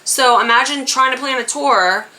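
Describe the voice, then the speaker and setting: A woman's voice: high voice, moderate pace, bright, forceful tone, poor audio. A middle-aged woman chatting casually to viewers as host of a reaction video.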